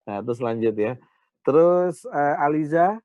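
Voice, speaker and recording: A male teacher calls the roll on a video call, teasing his students as he goes. His voice is smooth and resonant. The sound is dry and a little muffled. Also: on the high side, animated, measured pace, a little mellow, no echo. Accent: Indonesian. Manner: joking, teasing banter with students. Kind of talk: online class roll call.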